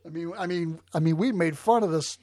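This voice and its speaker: A man's voice: on the high side, brisk, dark tone, no room sound. A man co-hosting a podcast, swearing freely and stammering through crude jokes. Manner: profane, laughs often, stammering restarts. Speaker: podcast co-host. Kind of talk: crude comedic banter.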